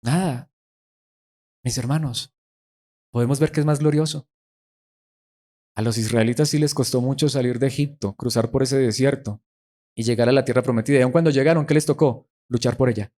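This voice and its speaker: A man's voice: mid-range voice, brisk, pauses often, warm tone. A man preaching a sermon emphatically, asking his listeners rhetorical questions and repeating words for stress.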